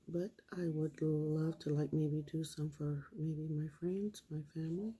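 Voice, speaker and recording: A woman's voice: deep voice, unhurried, husky. Woman chatting casually during nail art. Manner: relaxed, chatty, talks while working. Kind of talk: casual tutorial chat.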